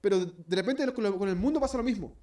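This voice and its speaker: A man's voice: high-pitched, quick pace, darkish tone. A man with a Chilean accent teaching an informal Bible study, chatty and self-correcting, acting out everyday scenes as examples. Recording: voice distant from the mic.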